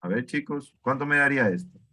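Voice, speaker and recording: A male math teacher, talking students through an exercise. He keeps asking them questions, stops to correct himself and fills pauses with "eh". His voice sits at an ordinary middle pitch for a man. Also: animated, bright, forceful tone. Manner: questioning, self-correcting, many fillers. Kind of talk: online math class.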